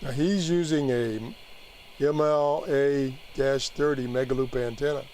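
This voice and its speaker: A man giving a casual live app tutorial as host, haltingly thinking aloud as he works through it. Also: medium pitch, a little mellow, a little hiss or hum. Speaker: host demonstrating a radio app.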